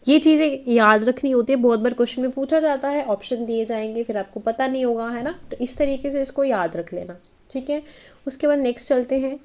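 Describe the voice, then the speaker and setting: A woman with a high, bright voice gives an exam-prep geography lecture. She walks through a map and keeps asking questions, then answers them herself. She checks in with her listeners again and again. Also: a little fast. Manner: question-and-answer teaching, frequent check-ins. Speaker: teacher.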